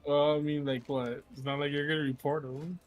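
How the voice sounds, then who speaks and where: A man's voice: fairly high pitch, flat delivery, a little fast. Teasing, profane guy on voice chat. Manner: teasing, profane, laughs easily. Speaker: friend on voice chat. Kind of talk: casual chat.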